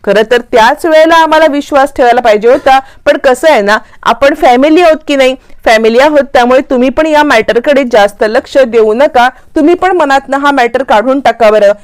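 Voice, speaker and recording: A scheming woman who sweet-talks and coaxes to smooth things over, read out by a woman retelling the scene. Her delivery is sugary and persuasive, and the voice sits a little high. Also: a little fast, hardly any pauses, lightly acted. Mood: coaxing. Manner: sugary, coaxing.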